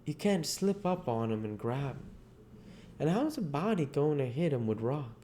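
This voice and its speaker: Man voicing Jim, earnest folksy man, pitched up. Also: very animated, moderate pace, dark tone. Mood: questioning. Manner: folksy, emphatic, dialect-heavy speech. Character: Jim, superstitious runaway man in old American South, earnest. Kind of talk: storybook character reading. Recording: audible background noise.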